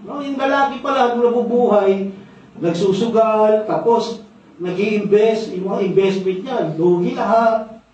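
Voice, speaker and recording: A high-pitched man preaches in a church, heard from well back in a very reverberant hall. The sound is dull and muffled. He repeats phrases and keeps checking in with a questioning "no?". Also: unhurried, a little mellow. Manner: storytelling, repeats key phrases. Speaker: pastor. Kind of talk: sermon. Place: church sanctuary, indoors. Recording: very echoey hall, distant dull mic.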